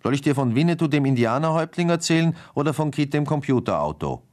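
A man's voice: a little high, expressive, quick pace, darkish tone, voice pushed up, lightly acted. A man voicing a good-natured teenage boy in a bedtime story. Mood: patient. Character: good-natured thirteen-year-old big brother.

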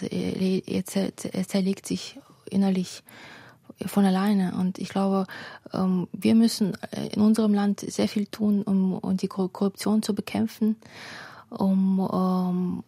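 A woman from Ukraine who grew up speaking talks slowly about her views, pausing often on fillers and restarting words. Her voice is husky and gravelly, darkish in tone and fairly flat in melody. The sound is dry and close. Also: mid-range voice, no echo. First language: Russian. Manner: hesitant, many fillers and restarts. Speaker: writer, interview guest. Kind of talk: reflective interview answers.

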